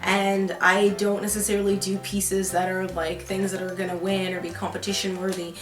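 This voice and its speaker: A young woman chats casually to camera from her apartment, rambling through her story with plenty of fillers and false starts. Her voice sits at an ordinary pitch for a woman. The room gives it a roomy echo, with faint music underneath. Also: flat delivery, normal speed. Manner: rambling, filler-heavy, with many restarts. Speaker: vlogger. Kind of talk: casual chat.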